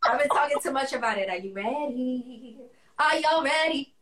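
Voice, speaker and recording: A woman's voice: sits high, moderate pace, a bit bright, roomy sound. A woman guesting on a livestream, talking energetically and hyping up the audience. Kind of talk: casual livestream chat.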